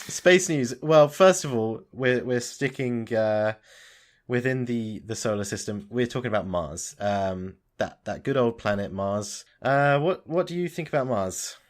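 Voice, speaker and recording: A man's voice: mid-range voice, animated, a little slow. A young man co-hosting a casual podcast, thinking aloud with many restarts as he explains science news. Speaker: podcast co-host. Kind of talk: casual chat.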